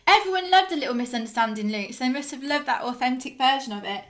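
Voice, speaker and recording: A woman's voice: sits high, expressive, quick pace, a bit bright. A female band singer chatting casually on a video-call live stream, reading out viewer comments with frequent "um"s. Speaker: lead singer of a soul band.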